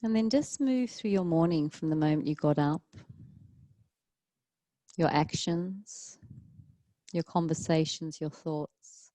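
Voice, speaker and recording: A woman leads a relaxation class as a yoga teacher, speaking in a low, mellow voice with soft edges. She is calm and soothing, leaving long pauses between gentle instructions, and the recording is very dry and close with no room sound at all.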